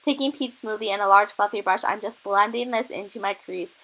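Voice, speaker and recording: A young beauty vlogger gives chatty, enthusiastic product tips in a makeup tutorial while battling a cold and sounding a bit out of breath. Her mid-range voice is fairly bright and brisk, and the recording quality is low.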